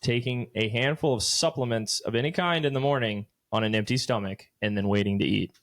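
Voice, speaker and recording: Fairly quick and fairly bright in tone, this medium-pitched man, in his late twenties, co-hosts a podcast. He chats casually and profanely, spinning rambling stories.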